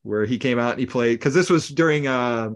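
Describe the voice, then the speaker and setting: A man co-hosting a podcast, retelling old comedy sketches in an animated way and acting out lines with gasps and laughs. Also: mid-range voice, fairly quick. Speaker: podcast co-host. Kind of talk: casual chat recapping old comedy sketches.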